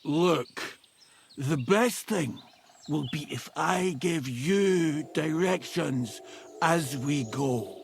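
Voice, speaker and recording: A male actor playing a drunk, injured huntsman in a video game, slurring like a town drunk in a raspy, self-pitying voice. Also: a little high, lively intonation, extremely slow, a little hiss or hum, exaggerated voice. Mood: drunken, rambling. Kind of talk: video game character acting.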